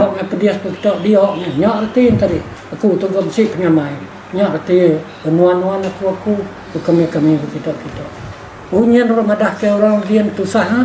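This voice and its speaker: An older man with a warm voice that sits high gives an informal spoken reflection as an interviewee. He speaks emphatically, repeats himself often, and tags on rhetorical questions. A roomy echo and faint background noise color the recording.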